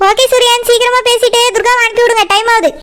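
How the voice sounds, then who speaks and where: A woman voicing a bold, bossy young girl in a cartoon, teasing and scolding briskly with a Kanyakumari Tamil accent. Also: very high-pitched, little pitch movement, heavy background noise. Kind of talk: cartoon voice acting.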